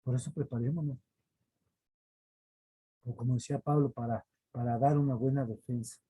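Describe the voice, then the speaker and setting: A man's voice: mid-range voice, fairly even intonation, moderate pace, warm tone, slightly rough, low-quality recording. A man preaching a weekly devotional, earnest and repetitive for emphasis, sometimes acting out quoted voices. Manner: earnest, repeats phrases for emphasis. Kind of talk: devotional teaching.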